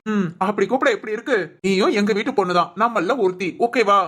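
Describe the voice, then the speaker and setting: A woman's voice: medium pitch, brisk, natural voice. A woman voicing a kind older man who asks a young woman to call him father in an audio drama. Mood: fatherly. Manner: warm and fatherly.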